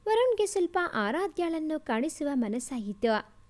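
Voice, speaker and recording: Woman reading a love story aloud, high voice, very sing-song. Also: a little slow. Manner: expressive storytelling. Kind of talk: scripted narration.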